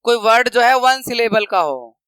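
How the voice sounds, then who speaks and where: A man teaching a grammar lesson, patiently explaining slides and slowly repeating example words. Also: extremely high pitch, expressive, bright, forceful tone, smooth, no echo, low-quality recording.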